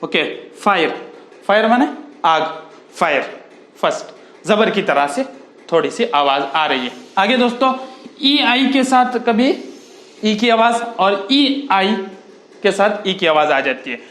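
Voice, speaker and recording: A man, teaching English vowel sounds in a slow lesson and repeating each word with "okay" and "friends". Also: sits high, expressive, a bit bright, reverberant. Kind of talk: spoken phonics lesson.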